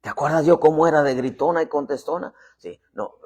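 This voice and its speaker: A man's voice: fairly high pitch, fairly quick, darkish tone. A middle-aged man preaching a sermon in a folksy way, joking and having the congregation repeat phrases. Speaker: apostle preaching.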